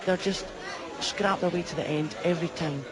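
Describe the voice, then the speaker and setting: A woman's voice: on the low side, moderate pace. A woman co-commentating live on darts, giving conversational, emphatic analysis. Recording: busy crowd behind commentary. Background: darts crowd.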